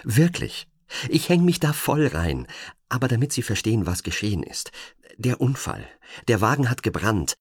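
A man's voice: medium pitch, sing-song, normal speed, slightly rough, no echo, studio quality, voice pushed up. A man voicing a nervous female real estate agent who stammers and hurries her words. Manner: flustered, stammering.

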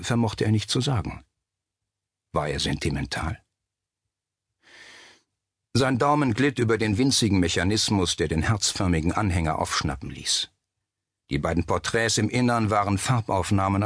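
A man reading a suspense novel aloud as narrator, measured and steady. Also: lowish voice, slightly rough, no echo, clean studio sound. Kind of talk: scripted audiobook narration.

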